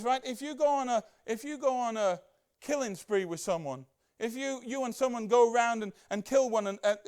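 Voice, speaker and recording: A church pastor with an extremely high-pitched voice leads a casual Bible-study sermon. He's chatty and excitable, full of rhetorical questions and asides.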